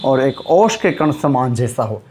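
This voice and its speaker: A male teacher giving a spelling lesson to exam students, slowly repeating each word for emphasis. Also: mid-range voice, sing-song, a little mellow. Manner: slow, repeats words for emphasis.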